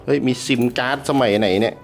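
A man hosting a casual vlog from around a house, excitable and joking, swearing freely and talking straight to his viewers. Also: medium pitch, fast. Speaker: YouTube host.

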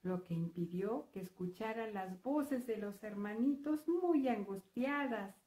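A woman telling a children's story, slow and expressive, speaking directly to her young listeners. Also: medium pitch, faint music behind. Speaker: storyteller and author. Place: museum hall. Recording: echoey room.

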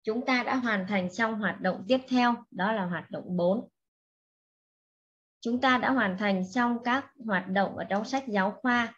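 A woman teaching an English lesson to young children, speaking slowly and patiently and repeating each word for the class to echo. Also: on the high side, husky, muffled recording. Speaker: primary school English teacher.

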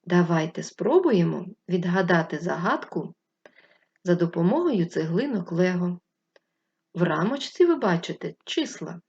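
A woman teaching first graders, speaking patiently and clearly and drawing out syllables. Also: on the low side, expressive, measured pace, darkish tone. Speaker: primary school teacher. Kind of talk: slow, clear remote lesson for first graders. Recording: dull lo-fi recording.

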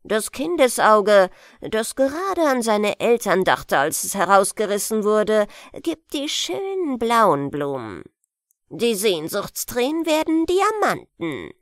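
Brief: gloating evil old wizard, read by a woman, lively swooping pitch, slow, storybook. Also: no echo, studio quality, full character voice. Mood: sinister coaxing. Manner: slow, gloating, hushed in places. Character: evil old male wizard luring children. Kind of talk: bedtime fairy tale reading.

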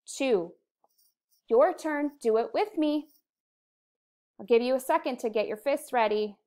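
American woman, kindergarten teacher voice, slightly high, slow delivery, encouraging instructions for small children. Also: a little mellow. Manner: kindergarten teacher voice, simple encouraging phrases with clear counting. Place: indoor room, recorded video lesson at a computer.

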